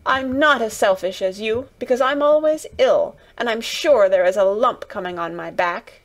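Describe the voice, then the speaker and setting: A woman's voice: a little high, expressive, measured pace, voice pushed up. A woman voicing a sickly, spoiled young boy in a storybook reading, whiny and demanding. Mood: self-pitying. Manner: whiny, demanding, rising to shouts.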